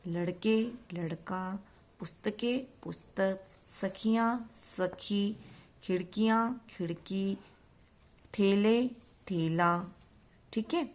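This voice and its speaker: A woman's voice: medium pitch, darkish tone. Woman teacher, patient and repetitive, asks and answers her own questions. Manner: mixes English words into her Hindi. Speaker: school teacher. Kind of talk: recorded online grammar lesson for young children.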